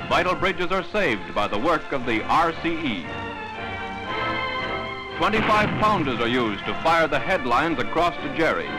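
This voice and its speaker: Male announcer, higher-pitched, for a 1940s newsreel: brisk, quipping, scripted, with a music score underneath. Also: poor audio. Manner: brisk, wisecracking announcer delivery. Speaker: newsreel narrator. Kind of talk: 1940s wartime newsreel narration.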